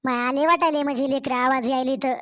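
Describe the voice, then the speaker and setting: A woman's voice: high-pitched, steady tone, a little fast, a bit bright. A woman voicing a fussy middle-aged village mother and doting grandmother, fond and grumbling, with a Marathwada Marathi accent, for a cartoon family story.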